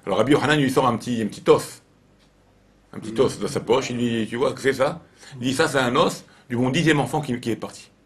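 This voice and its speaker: Man, rabbi, informal Torah lesson, animated storytelling, repeats phrases. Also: mid-range voice, fast.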